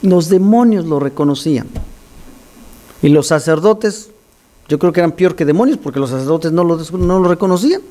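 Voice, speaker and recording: A man preaching an animated, teaching sermon to his congregation. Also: a little high, normal speed. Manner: animated, teaching, scolds listeners for distracting him. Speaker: pastor.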